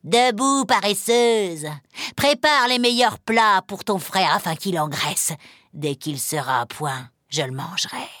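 A woman's voice: medium pitch, a bit bright, close to an everyday voice. A woman voicing a cruel old child-eating witch in a storybook reading, barking orders and drawing out her words. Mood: scolding. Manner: barking orders, drawn-out gloating.

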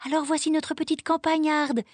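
A woman voicing a cheerful, kindly grandmother in a storybook reading, with a bright, welcoming tone. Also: sits high, flat delivery, normal speed, dry recording, pitched above the performer's own voice, natural voice. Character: warm, cheerful older grandmother.

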